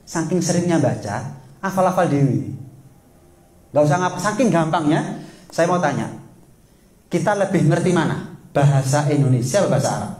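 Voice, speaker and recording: Man, sermon, lively question-and-answer delivery, higher voice, roomy echo. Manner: lively, teasing, asks the audience questions. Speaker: preacher.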